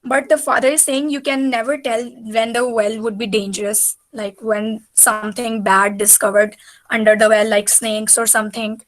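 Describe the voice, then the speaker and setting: A woman's voice: a little high, level tone, moderate pace, poor audio. A woman tutoring in an informal reading lesson, explaining a story hesitantly and repetitively in simple words. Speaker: mother tutoring her child in English reading.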